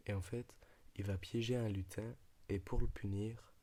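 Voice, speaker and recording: A man speaks in a soft, hushed, half-whispered ASMR voice, talking about and reading from a book in an unhurried, slightly hesitant way. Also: on the low side, steady tone, slight background noise. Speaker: ASMR video creator.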